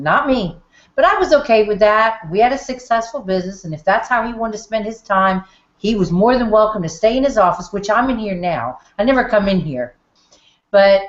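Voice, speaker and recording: A middle-aged woman telling her story on a group call from her home office, lively and acting out the dialogue. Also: medium pitch. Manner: animated storyteller who acts out quoted dialogue. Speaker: testimonial speaker on a group call. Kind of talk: casual storytelling testimonial. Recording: muffled roomy home call audio.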